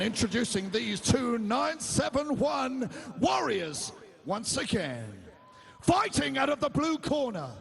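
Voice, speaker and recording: A male ring announcer introduces fighters in a gravelly, booming voice that swings dramatically up and down. He stretches out names in drawn-out cries, and the sound rings with long hall reverb. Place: large fight arena.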